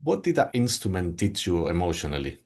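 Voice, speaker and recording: Low-voiced male interview host. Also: big pitch swings, a little fast, a little mellow. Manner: formal, brief prompts. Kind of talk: interview hosting.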